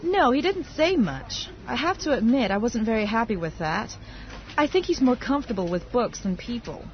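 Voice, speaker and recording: In a scripted dialogue for listening practice, an actress portrays a woman discussing her dating life in a warm, everyday exchange. She speaks at a normal speed in a slightly high voice, expressive and conversational, captured on dull, lo-fi audio.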